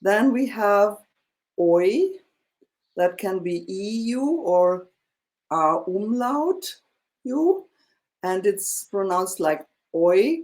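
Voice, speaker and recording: A woman teaching a one-on-one language lesson, explaining slowly with many fillers and checking in with "yeah?". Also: mid-range voice, lively intonation, a little mellow. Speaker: German teacher.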